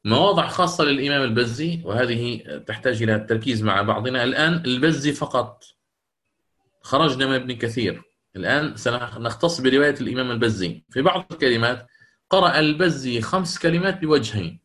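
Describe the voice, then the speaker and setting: A man teaching Quranic recitation rules in a lecture, explaining step by step, asking questions back and slowing into drawn-out chanted recitation for the examples. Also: medium pitch, a bit bright.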